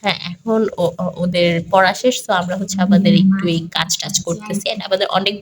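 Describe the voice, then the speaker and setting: Young woman, Bangladeshi Bengali accent, hushed casual vlog host at home, faint background hiss. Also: mid-range voice, steady tone, a little fast. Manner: speaks softly, mixing Bengali and English. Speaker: vlogger host. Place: home room at night.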